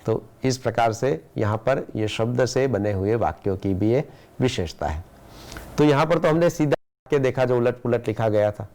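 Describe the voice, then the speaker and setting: An Indian-accented man speaks as a schoolteacher giving a recorded lesson. His pitch sits in the ordinary middle range for a man. He explains step by step, asks his students rhetorical questions, and slows down to read each example sentence with care. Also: dark tone. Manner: slow, deliberate reading of example sentences. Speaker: school teacher.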